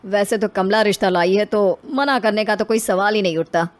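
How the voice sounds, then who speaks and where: A woman voicing a conservative, measured middle-aged family man in a cartoon story. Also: mid-range voice, close to an everyday voice. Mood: persuading.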